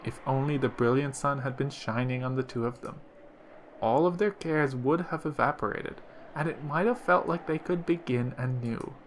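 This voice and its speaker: A man reading a visual novel aloud in a steady storytelling manner. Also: mid-range voice, normal speed, slight background noise. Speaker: let's play narrator.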